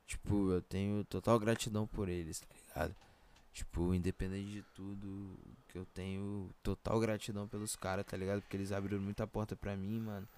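Young male, Brazilian Portuguese accent, smooth and slightly low voice; loose, slang-heavy podcast storytelling with constant tag phrases. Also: flat delivery, brisk, darkish tone. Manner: slangy, frequent verbal tags. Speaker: rapper, podcast guest. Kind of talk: casual anecdote-telling chat.

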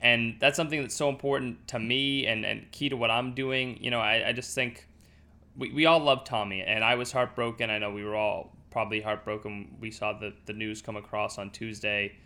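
Bright-voiced male sports podcast host. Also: on the low side, steady tone, normal speed. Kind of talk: conversational sports podcast talk.

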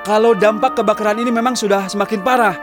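A man plays a courteous, dutiful official in a radio drama. The voice is high for a man, with music clearly behind it. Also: fairly even intonation, quick pace, close to an everyday voice. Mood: concerned. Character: polite, dutiful male official informing residents.

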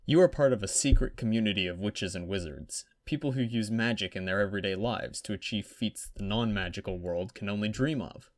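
A man voicing a calm, self-assured boy who acts as a teacher, speaking in a measured, coaxing way in a dry, close recording. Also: on the low side, dry recording, close to an everyday voice.

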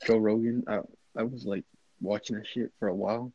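A man's voice: lowish voice, fairly even intonation, brisk, warm tone. A young man joining a podcast chat, teasing and joking, heard over dull call audio. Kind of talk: casual chat.

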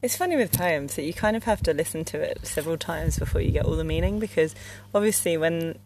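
A woman's voice: low voice, quick pace, creaky, background noise. A woman co-hosting a podcast, chatting with many ums and reading a rhyming poem aloud. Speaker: podcast co-host. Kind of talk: casual chat and poetry reading.

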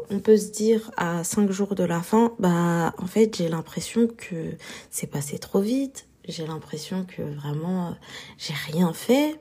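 Husky, mellow woman with a sore throat. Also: medium pitch. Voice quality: husky, soft-edged. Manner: hesitant, informal, thinking aloud. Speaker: podcast host. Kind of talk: relaxed unscripted solo podcast talk.

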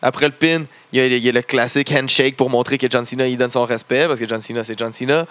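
A man's voice: medium pitch, fairly even intonation, fast, fairly bright tone. A man with a Quebec French accent co-hosting a podcast, chatting casually about wrestling, rambling with many fillers and restarts. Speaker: podcast co-host.

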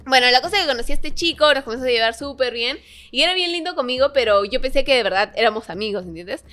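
A woman's voice: high-pitched, fast talker. A young woman co-hosting a casual chat, telling a personal story and acting out the dialogue with animation. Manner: animated, laughs while telling stories, acts out dialogue. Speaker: podcast co-host.

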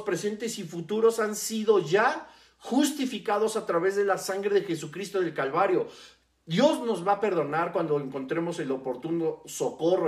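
A preacher delivering a sermon, stressing key words by slowing down and repeating them. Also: mid-range voice. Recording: roomy echo.

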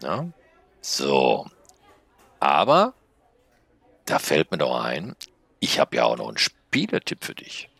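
Super deep guy, bright crisp tone, lots of ums, laid back host vibe. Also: takes it slowly, pauses often, no room sound. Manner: relaxed, hesitant with many fillers. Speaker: channel host reading stories. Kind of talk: casual chat and story reading.

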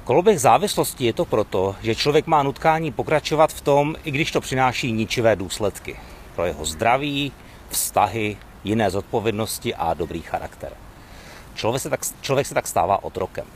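A man giving a devotional sermon and reading scripture aloud in an earnest, measured way. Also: mid-range voice, a little hiss or hum. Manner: earnest, measured reading with lively rises and falls. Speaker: preacher.

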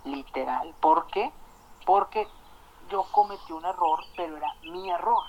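A man with a Mexican accent telling a story in casual chat, animated and swearing, acting out the dialogue. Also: fairly high pitch, a little slow, highs cut off, a little hiss or hum.

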